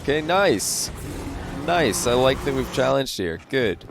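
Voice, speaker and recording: A man giving relaxed, casual coaching commentary on a game replay, with frequent fillers. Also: medium pitch, measured pace, gravelly, background noise. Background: faint lo-fi background music.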